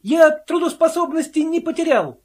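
A man voicing an indignant invisible office clerk who argues in a shrill, insistent, pleading way. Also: lively intonation, normal speed, a little mellow.

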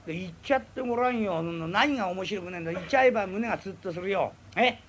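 A man's voice: sits high, quick pace, fairly bright tone, slight background noise. A man doing a coaxing Tokyo drinking buddy. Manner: coaxing, teasing banter in rough Edo speech. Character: easygoing, chiding townsman drinking companion. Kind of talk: rakugo storytelling.

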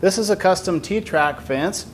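A man in his forties, a woodworking instructor, gives a friendly, step-by-step tutorial indoors in his wood shop with lumber racks. His voice is high and measured, with slight background noise.

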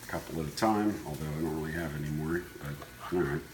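A man's voice: extremely low pitch, quick pace. A man hosting a casual home cooking demonstration, talking in an easygoing, offhand way as he works. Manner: laid-back, easygoing, offhand. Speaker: home cooking show host. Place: indoor kitchen. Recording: echoey room with clear kitchen sizzle noise. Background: frying sizzle and stirring.

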